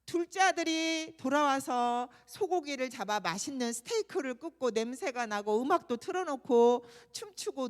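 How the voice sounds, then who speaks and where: A woman's voice: high voice, long reverb tail. A woman teaching at a children's worship service, telling a Bible story expressively and asking the children questions. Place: church.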